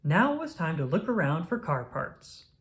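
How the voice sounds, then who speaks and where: A woman with a fairly low voice reads a children's picture book aloud as a storybook narrator. Her pitch swoops in a lively way, and her phrasing is deliberate and expressive for young listeners.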